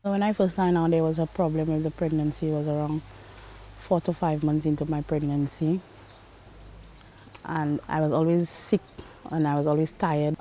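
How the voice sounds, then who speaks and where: A woman's voice: low-pitched, mellow, slight background noise, rough recording. A woman with a Saint Lucian accent giving a plain-spoken, candid personal testimony. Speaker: interviewee, mother and patient. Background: music under the voice.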